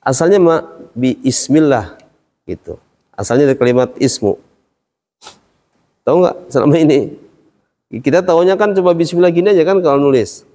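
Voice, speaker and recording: A man's voice: a little high, expressive, a little fast, pauses often, warm tone. A man teaching a class, explaining step by step and quizzing his students. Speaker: Quran recitation teacher. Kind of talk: classroom lesson. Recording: long reverb hall.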